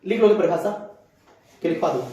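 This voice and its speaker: A man's voice: on the high side, animated, dark tone, muffled recording. Male teacher dictating in a very echoey room. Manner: repeats and dictates slowly for note-taking. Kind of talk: classroom lecture dictating notes. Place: classroom.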